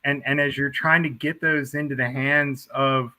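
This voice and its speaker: A man's voice: mid-range voice, fairly even intonation, moderate pace, sharp tone, rough recording. A man co-hosting a casual podcast chat, talking in a loose, filler-heavy way with stumbles and restarts. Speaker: podcast co-host.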